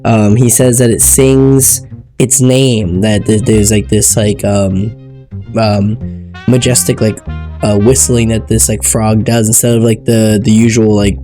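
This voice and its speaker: Male TV episode reviewer from Ecuador, loose and rambling, music clearly audible underneath. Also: lowish voice, flat delivery, measured pace, dark tone. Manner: rambling, searching for words. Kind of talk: casual review commentary. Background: music playing.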